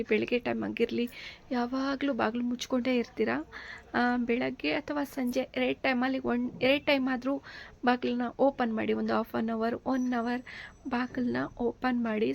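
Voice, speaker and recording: A woman's voice: fairly high pitch, gravelly, darkish tone, dull audio. A woman hosting a channel, giving casual household advice in a chatty way, with frequent fillers and checks for agreement.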